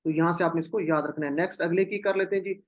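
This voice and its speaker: A man's voice: a little high, steady tone. Patient male online Arabic teacher. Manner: patient, calls on students and repeats forms. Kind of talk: online class teaching Arabic grammar drills. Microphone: video call.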